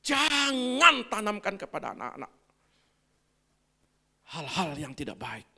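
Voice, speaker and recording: A woman pastor preaching a Sunday sermon in church, swinging between loud exclamations and soft near-whispers and calling out to the congregation. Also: sits low, lively intonation, moderate pace, husky. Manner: calls out to the congregation. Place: church service.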